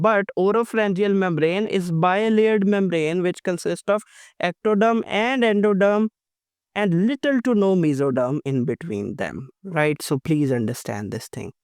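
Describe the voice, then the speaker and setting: Higher-pitched male lecturer with a sore throat. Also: darkish tone, clear, resonant tone, dry recording, studio quality. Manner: didactic, repeats points and checks understanding. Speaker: anatomy lecturer. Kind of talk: explanatory narrated lecture. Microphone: voice-over for animated lecture.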